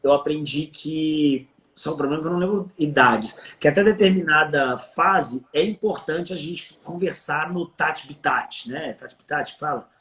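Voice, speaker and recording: Man, Brazilian accent, gentle curious host, echoey room. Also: fairly high pitch, normal speed, hardly any pauses. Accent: Brazilian Portuguese. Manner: curious, gentle, thinking aloud. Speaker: host and teacher. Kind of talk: casual interview chat.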